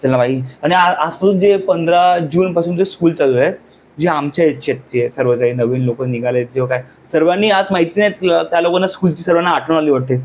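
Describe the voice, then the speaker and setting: A young man chats casually with his wife for his family vlog, teasing her and circling back over the same words. His voice sits a little high, with a faint hum of the room behind him. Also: a little fast, a little mellow. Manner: chatty, teasing, repeats himself. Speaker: vlogger husband.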